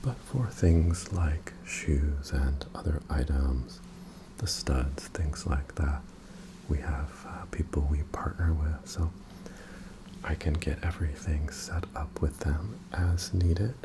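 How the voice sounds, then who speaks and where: A man in a whispered ASMR role-play as an attentive, courteous tailor, breathy and softly presenting his wares to a customer. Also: very deep voice, fairly even intonation, takes it slowly, noisy background.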